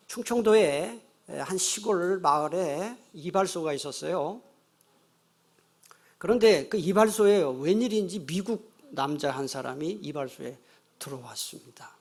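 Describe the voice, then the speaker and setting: A man's voice: a little high, creaky. Man preaching a joking family sermon. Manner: humorous storytelling, asking the congregation questions. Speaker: pastor. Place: church sanctuary.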